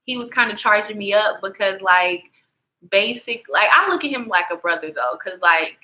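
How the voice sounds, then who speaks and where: A woman's voice: mid-range voice, expressive, normal speed, sharp tone, poor audio. A young woman chatting casually on a travel livestream, slangy and profane, talking straight to her viewers. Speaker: travel vlogger.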